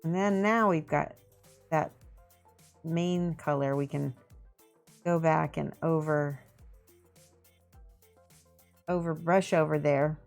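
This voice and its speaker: Painting miniatures on a live stream, this Midwestern woman narrates each step in a relaxed, thinking-aloud way and says hello to chat viewers. Her low, creaky voice goes slowly and pauses often. Soft music plays in the background.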